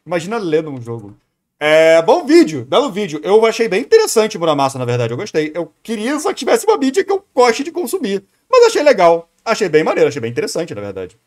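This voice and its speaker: A streamer with a Brazilian accent talks fast while reacting to a video, his high-sitting voice swooping wildly in pitch with a darkish tone. He rambles casually, thinks aloud and keeps repeating himself.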